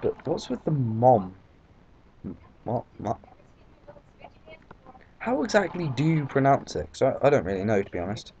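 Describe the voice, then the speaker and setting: A man's voice: mid-range voice, huge pitch swings, fast, gravelly, few pauses, a little mellow. A man with a British accent giving rambling, casual gameplay commentary, full of fillers and swearing. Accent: British English. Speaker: let's play commentator. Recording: dull lo-fi mic, faint background noise.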